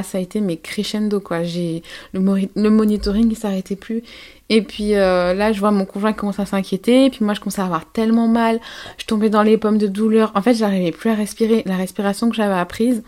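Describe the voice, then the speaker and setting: A young woman, a podcast guest, telling her story in a casual, candid, animated way, with slang and frequent laughter. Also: mid-range voice, quick pace. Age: young adult.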